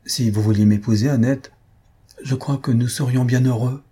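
Shy middle-aged professor, read by a man, hesitant, very husky, dark tone. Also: medium pitch, steady tone, moderate pace, close to an everyday voice. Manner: hesitant, self-conscious.

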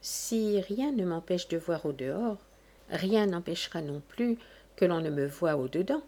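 A woman voicing a grieving young nobleman in a read-aloud story, speaking hushed and wistful. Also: lowish voice, expressive, a little slow. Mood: troubled.

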